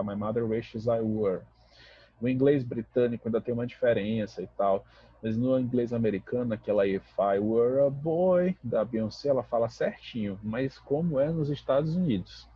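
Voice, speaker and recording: A man's voice: mid-range voice, slightly rough, dry recording, muffled recording. A Brazilian man, a native Portuguese speaker, teaching an English grammar lesson in a patient, explanatory way that keeps checking in with the class.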